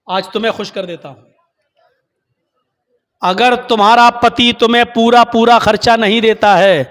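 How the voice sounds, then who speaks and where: High, bright-voiced preacher in a hall. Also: male voice. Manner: dramatic, acts out dialogue, swings from soft to loud. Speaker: Islamic preacher. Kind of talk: Urdu sermon with storytelling. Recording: long hall reverb.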